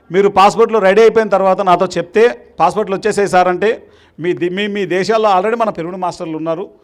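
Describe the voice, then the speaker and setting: A man, a meditation teacher, giving a motivational speech to students, exhorting them and rallying the crowd, with English words mixed in. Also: high voice. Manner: exhorting, rallies the crowd to applaud. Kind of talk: motivational speech to a live audience.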